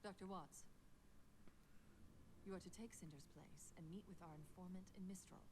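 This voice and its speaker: An actress playing a coldly composed villain mastermind in an animated series, formal and imperious, heard through noisy playback. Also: female voice, lowish voice, moderate pace, lightly acted. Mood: cold, commanding. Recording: noisy show playback with background ambience.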